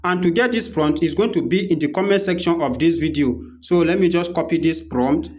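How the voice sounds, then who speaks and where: This Nigerian-accented tutorial presenter talks fairly quickly in a higher voice while demonstrating software off the cuff. He explains each step and repeats his directions along the way.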